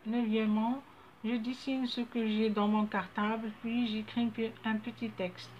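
Algerian woman teacher, higher voice, slow deliberate dictation with quick asides, muffled lo-fi recording with faint hiss. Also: fairly even intonation. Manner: slow, deliberate dictation of French words, switching to fast Arabic explanations. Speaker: primary school teacher. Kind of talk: classroom lesson explaining French grammar. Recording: dull lo-fi audio with faint ambient noise.

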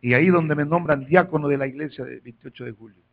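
A man preaching a sermon, telling stories in quiet asides and rising to loud calls for praise. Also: fairly high pitch, fast, narrow, tinny audio. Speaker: pastor.

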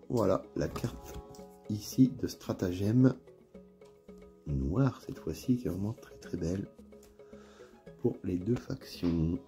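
A man with a northern French accent chatting casually through an unboxing video, with plenty of hesitations and fillers. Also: on the low side. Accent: northern French (Ch'ti). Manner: relaxed, chatty, many fillers and pauses. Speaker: miniatures hobby YouTuber. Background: faint background music.

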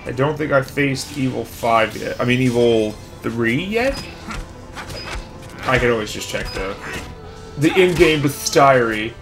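Man hosting a let's play, mid-pitched and rambling, thinking out loud. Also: lively intonation, a little slow, long pauses, music in the background. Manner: rambling, thinking aloud with fillers. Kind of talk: casual gameplay commentary.

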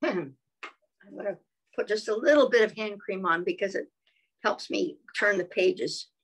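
A woman reading a picture book aloud to young children, gently explaining and checking in with little questions, clearing her throat now and then. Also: medium pitch. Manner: gentle, slow, explaining with frequent tag questions. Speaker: children's storyteller.

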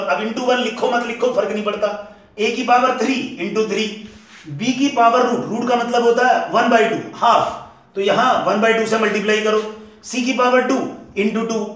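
Male tutor, high pitch, rhythmic step-by-step lecturing, distant mic in a reverberant classroom. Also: fairly bright tone. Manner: rhythmic, repeats formulas step by step, tells students to breathe deeply. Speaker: physics teacher. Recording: echoey room, voice from far off.

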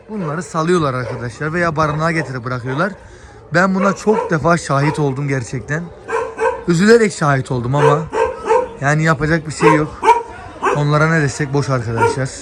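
A talkative man with a slightly high voice walks viewers through an animal shelter and chats to them directly. He speaks softly to the dogs as he passes. It is a noisy outdoor video, with dogs barking throughout. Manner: chatty, addresses viewers directly, talks gently to dogs. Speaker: vlogger touring an animal shelter. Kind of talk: casual walk-and-talk vlog.

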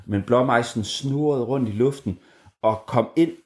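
Man, storyteller, improvised children's story, playful, animated, sound effects, middle pitch.

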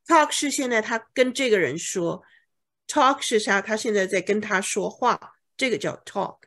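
A woman's voice: mid-range voice, normal speed, a bit bright. A woman tutoring English vocabulary, patiently explaining word meanings and checking for understanding with frequent OK. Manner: patient, repeats key words with OK checks.

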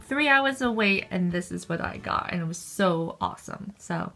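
There's faint music behind this young woman, whose fairly low voice is bright, forceful and lively, with vocal fry, at a normal speed. She's vlogging a casual haul indoors in her bedroom on a phone at arm's length, close to the camera, chatting upbeat with many ums.

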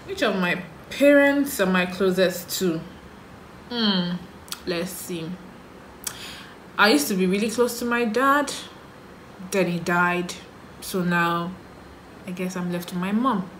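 A Nigerian woman in her thirties, a makeup vlogger, chats casually to camera from a small indoor room with a sheet backdrop. Her voice sits on the low side, with a roomy sound and slight background noise, and she muses in a relaxed way through get-to-know-me questions, answering them aloud about herself.

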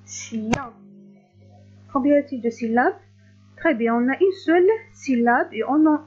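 Slow, patient woman teacher, high voice. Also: darkish tone, muffled recording. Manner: slow, clearly stretched words, patient. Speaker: primary school teacher. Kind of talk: recorded reading lesson for young pupils.

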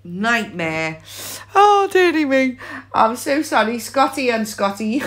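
A woman with a British accent works as a bingo caller in a very high voice. She takes her time over each number and chats to players between calls. Her manner is playful and full of exclamations. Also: sing-song, slow, a bit bright. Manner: playful, exclamatory, sing-song repetition of names and calls. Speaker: bingo caller and live stream host. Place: indoors at a table.

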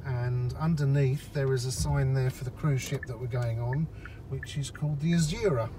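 A chatty male vlogger narrates casually while driving in traffic, explaining each step to his viewers. His voice is medium-pitched and steady, at a normal speed. Road noise comes through in the in-car recording.

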